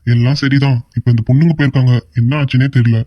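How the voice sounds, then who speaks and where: A man's voice: medium pitch, steady tone, dry recording, dull audio, close to an everyday voice. A man voicing a fretful cartoon uncle. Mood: worried. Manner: fretful, pleading, quick talk. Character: worried older uncle, anxious family elder. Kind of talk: cartoon voice acting.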